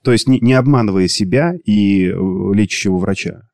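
A man's voice: lowish voice, moderate pace, creaky, a little mellow, dry recording, studio quality. A man hosting a jokey conversational interview, with a lisp that makes his sh sounds slushy and a playful, mock-grand, wordy manner. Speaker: host.

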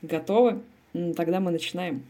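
A woman's voice: on the low side, normal speed, mellow. A woman podcast host delivering a scripted show introduction in short, direct statements. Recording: music bed under the voice. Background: music.

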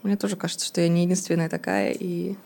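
Thirties woman co-host, lower voice, relaxed, thinks aloud with fillers. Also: quick pace, creaky. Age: 30s. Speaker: podcast co-host. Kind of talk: casual podcast chat.

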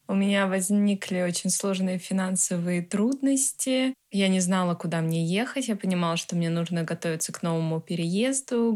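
A woman in her twenties, a filmmaker, answering interview questions in a calm, reflective and earnest way. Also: on the low side, vocal fry. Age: 20s. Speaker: guest filmmaker.

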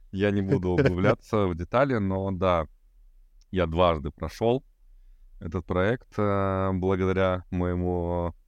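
A man's voice: sits low, slow pace, clear, resonant tone, dry recording, highs cut off. A man in his thirties, a podcast guest talking casually and hesitantly, with many fillers. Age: 30s. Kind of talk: casual conversation.

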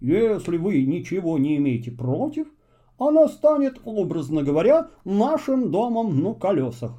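A man voicing a polite, shy and lonely little male traveler in a children's story, speaking slowly and courteously. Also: sits high, big pitch swings, dark tone, lo-fi sound, pitched above the performer's own voice. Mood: polite, gentle. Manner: slow, courteous and hesitant.

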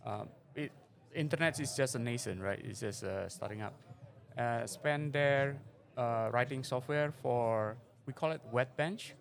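Speaking in an unhurried, creaky, mid-range voice, a middle-aged man from Indonesia answers questions as a venture investor guest at a conference forum venue. His replies are hesitant, packed with fillers and non-native phrasing.

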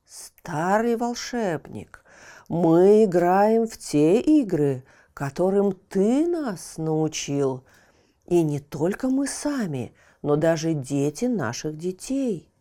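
Woman as slow, dutiful chorus of storybook animals. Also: on the low side, big pitch swings, warm tone. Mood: earnest denial. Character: all the animals, birds and fish answering as one, dutiful. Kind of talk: storybook character voice.

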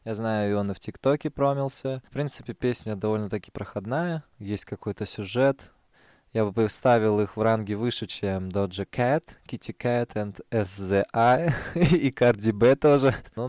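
A man's voice: lowish voice, a little fast, a little mellow, clear, resonant tone, dry recording. Man co-hosting, dry close sound. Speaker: podcast co-host. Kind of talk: casual pop culture podcast chat.

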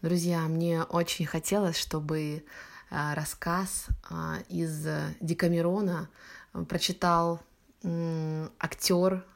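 A woman's voice: on the low side, flat delivery, takes it slowly. A woman hosting a night radio show, talking to listeners hesitantly with many fillers. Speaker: radio host. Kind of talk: casual talk to listeners.

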